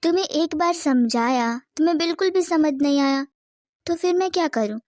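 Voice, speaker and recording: A woman's voice: high voice, moderate pace, darkish tone, dry recording, natural voice. A woman voicing a polite but stubborn teenage schoolgirl in a fan cartoon, pleading and then heated.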